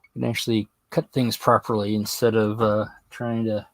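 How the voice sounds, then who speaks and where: A man hosting a hobby livestream, talking slowly and haltingly as he works on a craft project. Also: lowish voice, little pitch movement, dry recording. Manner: slow, halting, thinking aloud while working. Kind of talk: casual livestream commentary while crafting.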